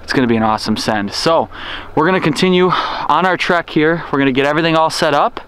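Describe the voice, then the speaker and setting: An enthusiastic young man fronts an outdoor fishing vlog, speaking straight to camera with a slightly high voice. Faint outdoor noise sits behind him. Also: fast, fairly bright tone. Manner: upbeat, enthusiastic, talks to camera. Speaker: outdoor channel host. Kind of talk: energetic vlog presenting. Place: outdoors on a frozen lake, then inside an ice tent.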